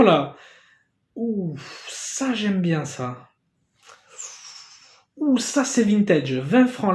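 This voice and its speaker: A man in a casual unboxing vlog who gets excitable, swears casually and thanks the sender again and again. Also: sits high, echoey room. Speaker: YouTuber opening a gift parcel.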